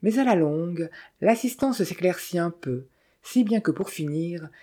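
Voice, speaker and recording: Dark-toned audiobook narrator. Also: medium pitch, lively intonation, a little slow. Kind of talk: scripted literary narration.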